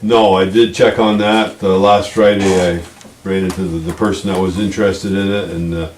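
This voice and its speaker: A man's voice: low-pitched, little pitch movement, moderate pace, a little mellow. A man giving an informal report as a local official at a board meeting. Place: indoor village board meeting room. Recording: roomy, distant mic with background noise.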